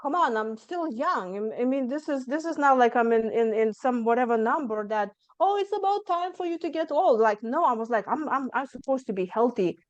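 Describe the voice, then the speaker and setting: A woman, a stress coach telling her story as a podcast guest, lively and acting out her own past thoughts. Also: on the high side, a little fast, few pauses, no echo, muffled recording. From Lithuania. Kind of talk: conversational storytelling interview.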